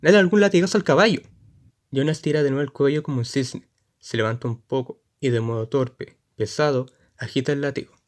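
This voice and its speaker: A man narrating a short story in a measured, descriptive reading. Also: mid-range voice, steady tone, darkish tone.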